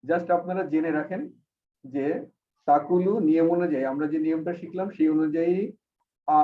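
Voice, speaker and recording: A man's voice: fairly high pitch, normal speed. Man teaching an online grammar class. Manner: patient, explains step by step. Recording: echoey, distant, phone-like call audio.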